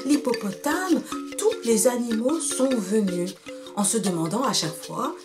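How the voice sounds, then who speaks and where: A woman telling a folktale to children in an expressive, rhythmic, sing-song way. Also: a little high, measured pace. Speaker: storyteller. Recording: music playing behind.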